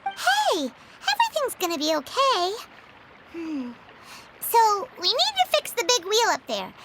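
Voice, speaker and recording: A woman's voice: extremely high pitch, wildly swooping pitch, measured pace, very noisy, heavily acted. A woman voicing a tiny, childlike, cheerful fairy companion in a video game, with a perky manner. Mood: perky, curious. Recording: loud music behind the voice.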